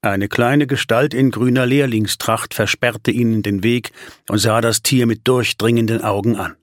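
A man narrating a storybook in a measured, vivid way, recorded close on a studio mic. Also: medium pitch, fairly even intonation, no room sound. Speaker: audiobook narrator. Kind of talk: storybook reading.

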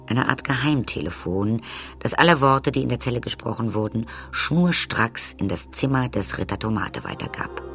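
A man narrating a children's audiobook in a lively way, speaking directly to the listeners. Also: medium pitch, moderate pace, creaky, soft background music. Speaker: storyteller.

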